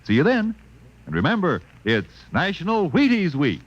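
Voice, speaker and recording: A man giving a folksy, chatty, emphatic sales pitch in old-time radio advertising style, on a dull vintage recording. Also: wildly swooping pitch, moderate pace. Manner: chatty, emphatic, direct address. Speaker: commercial pitchman.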